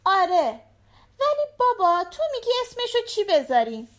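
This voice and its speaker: Pushing her voice up very high and very animated, a woman plays a curious little girl in a short-story audiobook. The small character chatters quickly and fires off one question after another.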